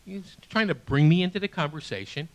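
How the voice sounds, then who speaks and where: Performing stand-up before a live audience in a small theater, a man in his late sixties speaks with a voice on the high side, and the recording's highs are cut off. His self-deprecating delivery halts and restarts, with laughter from the crowd behind him.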